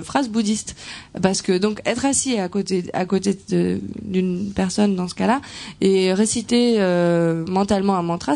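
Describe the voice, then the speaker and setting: A woman interpreting a talk sentence by sentence, halting and searching for words as she goes. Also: mid-range voice, a little mellow. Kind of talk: consecutive interpretation into French.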